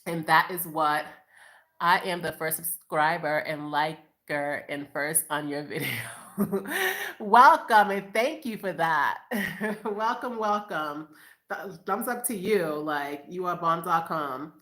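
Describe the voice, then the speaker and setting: A Boston mother of five chats casually and upbeat with viewers on a live stream from her room at home, laughing often and calling them "you guys." Her low voice is a bit bright and her pace slow. The room sounds echoey.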